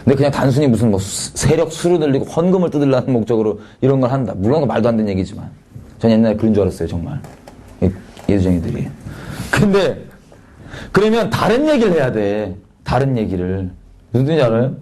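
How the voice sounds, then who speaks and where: A man preaching in a casual, conversational way, asking the audience many rhetorical questions and swinging his pitch up and down for emphasis. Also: very animated, quick pace, mellow. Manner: sudden swings between raised and dropped pitch for emphasis. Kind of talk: sermon.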